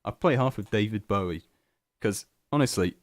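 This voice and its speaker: A man's voice: fairly low pitch, animated, normal speed, no echo, studio quality. Rambling self-mocking young male radio host. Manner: self-deprecating, scatterbrained, lots of restarts. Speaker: student radio presenter. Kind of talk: rambling solo radio chat. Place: small hot radio studio. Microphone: studio microphone.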